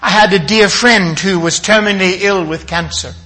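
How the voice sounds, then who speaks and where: An older man preaching a sermon, dramatic, dropping to a hush and then rising to emphatic appeals. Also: high voice, moderate pace. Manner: dramatic, swinging from hushed to emphatic.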